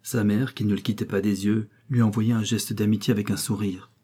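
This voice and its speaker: A man reading a classic novel aloud as an audiobook narrator, in a measured, even delivery. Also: fairly low pitch, breathy edge. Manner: measured, evenly paced reading. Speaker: audiobook reader.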